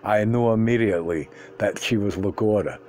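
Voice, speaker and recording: A man reading a first-person story aloud, unhurried, sometimes stumbling and restarting words. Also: lowish voice, a little mellow, a little hiss or hum. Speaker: reader.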